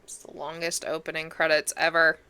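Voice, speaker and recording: A hoarse, congested woman hosting a movie reaction, chatting casually and talking back at the screen with sass. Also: sits low, level tone, fairly quick, over loud music.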